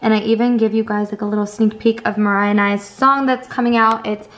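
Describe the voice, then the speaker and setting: A woman's voice: medium pitch, flat delivery, a little fast, fairly bright tone. A woman in her twenties, a student teacher, talking casually to her camera at home in an upbeat, chatty way, often saying "like". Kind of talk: casual vlog talk to camera.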